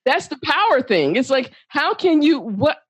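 Woman, podcast guest, lively storyteller, acts out voices, swears, dry close sound. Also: high voice, moderate pace, dry recording. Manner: animated storyteller, acts out quotes, swears and laughs. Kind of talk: casual chat.

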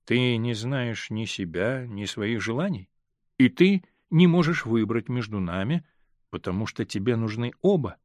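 A male reader voicing a hurt, stern middle-aged husband in an audiobook, speaking in a measured, grave way that holds back pain. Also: medium pitch, expressive, a little mellow, no echo, natural voice. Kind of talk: audiobook character reading.

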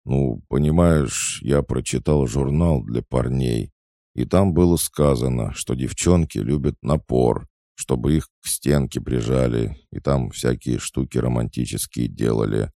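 A man's voice: very deep voice, measured pace, vocal fry, warm tone, dry recording, studio quality, exaggerated voice. A man voicing an awkward, lovesick teenage boy in an audiobook, whining and defensive. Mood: whiny. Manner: whiny, defensive.

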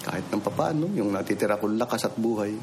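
Speaking quickly in a lowish voice, a Filipino-accented man in his fifties shares an informal personal testimony. He's plain-spoken and conversational, repeating phrases to drive points home, while ambient noise fills the field recording.

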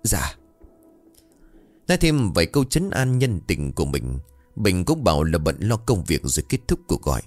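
A man telling a ghost story in steady, measured scripted narration. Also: low voice, no echo, soft background music.

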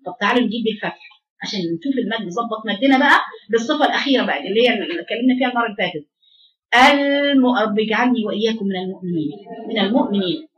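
A woman with an Egyptian Arabic accent teaching Quran recitation to a class of girls. She explains, quizzes the students, and chants drawn-out examples. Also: medium pitch, animated, lo-fi sound.

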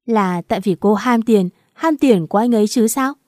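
A brazen, scheming young woman who taunts and laughs with scorn, put on by a woman reading the story. The voice sits a little high and sounds mellow and soft-edged, in a dry, close storybook recording. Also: moderate pace, no echo, natural voice. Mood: pleading.

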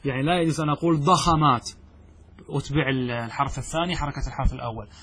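Husky male grammar teacher lecturing. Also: medium pitch. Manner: asks and answers his own questions; repeats example words slowly. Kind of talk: classroom lecture.

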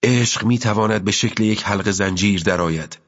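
A calm, self-assured young village girl speaks in a lifted, lighter voice, as a male reader puts her on. Her words carry a teasing steadiness. The audiobook recording is muffled and rings with a long reverb. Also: on the low side, pitched above the performer's own voice.

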